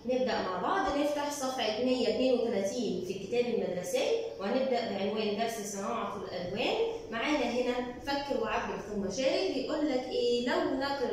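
A woman teacher with an Egyptian Arabic accent, slowly and patiently explaining a primary school lesson. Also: on the high side. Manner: slow, patient explaining, drawing out words. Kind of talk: recorded classroom lesson. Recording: echoey room, distant mic, faint noise.

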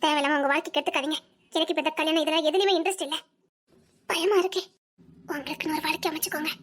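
A woman's voice: high voice, fairly even intonation, very fast, fairly bright tone. A young woman acting a scared student who insistently refuses a man's advances, tearful at times, in a web drama. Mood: pleading. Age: young adult.

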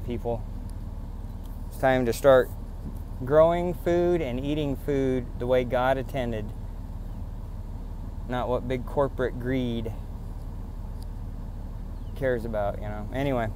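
In this vlog a man of medium pitch and somewhat dark tone rambles indignantly to the camera, repeating himself, first from a pickup on farm roads and then outside on rural land. Some hiss or hum can be heard.

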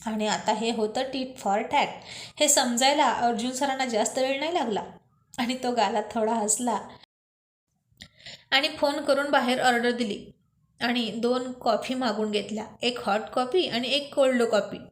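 High-voiced woman reading a story. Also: a little slow. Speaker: narrator.

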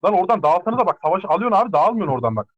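A man's voice: high voice, big pitch swings, rapid-fire, breathy edge, dull audio. A man in an online game battle giving urgent, insistent instructions to a teammate over voice chat, repeating each one several times.

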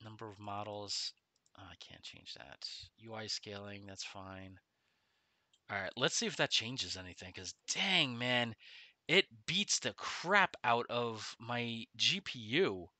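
Male game streamer, middle-aged, very bright forceful voice, mouth numb from the dentist, casual delivery, dry close sound. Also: fairly low pitch, expressive, takes it slowly, dry recording. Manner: speaking oddly with half his face numb from the dentist. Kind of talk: casual gaming livestream chat. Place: small room at home, indoors.

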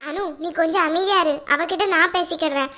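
A woman voicing an older mother-in-law in an animated family drama, speaking firmly and soothingly. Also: extremely high pitch, fairly quick. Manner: firm, soothing.

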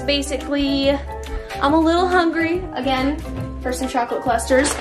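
Chatty young woman vlogging. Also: high-pitched. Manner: chatty, playful, talks to viewers. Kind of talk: casual vlog chat.

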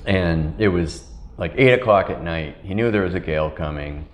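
A man's voice: deep voice, moderate pace, echoey room. A middle-aged man, a tall ship captain, telling sailing stories in a casual, rambling way with laughs, on a lapel mic. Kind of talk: casual storytelling interview. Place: wood-paneled ship cabin.

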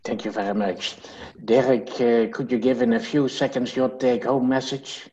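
A man's voice: medium pitch, fairly even intonation, normal speed, dark tone, lo-fi sound. A man moderating a webinar panel with brief, polite handovers between speakers.

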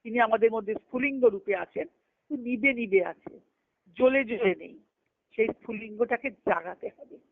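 Her voice is a little high and gravelly, at normal speed with no room sound, carried over thin conference-call phone audio. A woman spiritual teacher, she delivers devotional philosophy didactically, posing questions, answering them, and repeating phrases.

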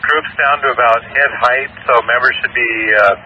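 A man on the fireground giving a matter-of-fact report over a scanner radio, pausing with frequent "uh" fillers. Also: medium pitch, steady tone, bright, forceful tone, dull audio. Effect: heard over a scanner radio. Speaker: firefighter on the fireground. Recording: distant, noisy radio transmission.

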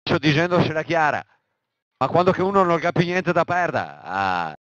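Man acting a cursing Venetian militant, higher-pitched voice. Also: expressive, moderate pace, fairly bright tone, no room sound, lo-fi sound. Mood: brooding. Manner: ranting, peppered with explosive cursing. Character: angry, foul-mouthed militant in army jacket ranting.

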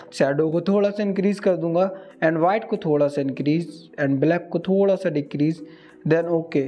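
A man, giving a steady step-by-step software tutorial as a video host. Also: fairly high pitch, highs cut off. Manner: steady instructional, mixing English words into Hindi.

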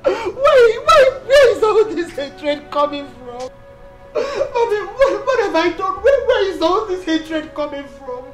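A woman's voice: high-pitched, slow, soft background music. A woman with a Nigerian accent playing a wronged young wife who begs her mother-in-law tearfully for forgiveness in a film. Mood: pleading. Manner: pleading, tearful, repeats "Mommy, please". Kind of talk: Nollywood film acting.

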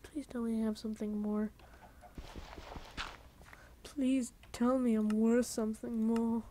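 A woman rambles through casual gameplay commentary in a bright, somewhat high voice, piling on "like" fillers and mocking herself with a grin. She jumps into sudden excited outbursts, with a faint hiss behind her voice. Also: unhurried. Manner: goofy, rambling, full of "like" fillers; jokey self-mockery, sudden excited outbursts. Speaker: gaming channel host.

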